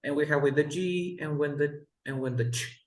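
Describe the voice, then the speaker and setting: Guy teaching english on a video call, patient, kinda echoey room. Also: on the high side. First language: Spanish. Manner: patient, explains pronunciation slowly. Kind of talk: online one-on-one lesson. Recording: roomy echo.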